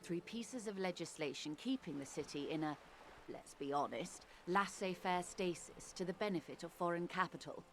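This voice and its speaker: A woman voicing a poised, worldly negotiator who speaks smoothly and articulately with gentle irony. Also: on the low side, lively intonation, moderate pace, a little hiss or hum. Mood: explanatory.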